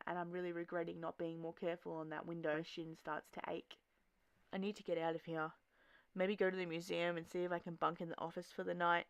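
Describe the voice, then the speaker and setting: A woman voicing a troubled teenage girl graffiti artist, narrating in first person in a low-key, matter-of-fact way. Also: gravelly, no echo.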